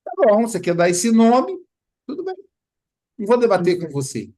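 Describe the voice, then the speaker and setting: Man, high-pitched, study group host, casual teaching, playful storyteller. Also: normal speed. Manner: animated storytelling with playful imitations.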